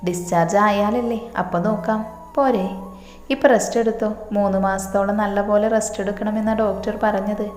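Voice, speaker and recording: A woman voicing a gentle, anxious young husband in a soft, earnest tone. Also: mid-range voice, fairly even intonation, a little fast, close to an everyday voice. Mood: tender. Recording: echoey room, long reverb, soft music.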